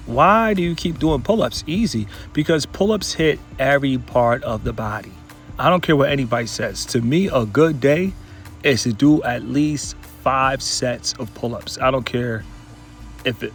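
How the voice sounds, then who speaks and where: A man's voice: medium pitch, expressive, normal speed, faint music behind. A man talking through his workout in a vlog, motivational and emphatic, repeating his points. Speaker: fitness vlogger.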